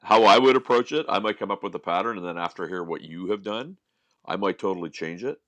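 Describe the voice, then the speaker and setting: Bright-toned man ranting. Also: lowish voice, fast talker, no room sound. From Nova Scotia, Canada. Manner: animated, opinionated rants with restarts. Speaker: podcast co-host. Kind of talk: casual podcast chat.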